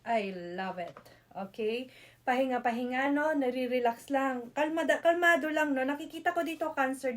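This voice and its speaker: A woman with a Filipino accent doing a casual tarot reading, chatty, mixing Tagalog and English with frequent "no?" tag questions. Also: on the high side. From Philippines. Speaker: tarot reader.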